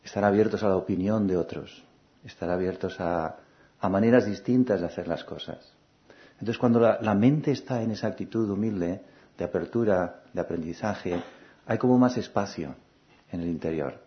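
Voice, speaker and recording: A man giving a calm, reflective spiritual talk, repeating phrases and asking gentle questions. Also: sits low, moderate pace. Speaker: spiritual teacher. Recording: dull lo-fi recording.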